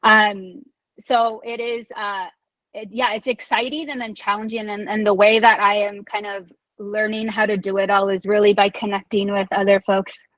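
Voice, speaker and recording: A woman's voice: medium pitch, flat delivery, moderate pace, no room sound, poor audio. Woman from Fiji, hesitant, dry sound. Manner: warm, hesitant, many ums. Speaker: children's book author, panel guest. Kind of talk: panel discussion answer.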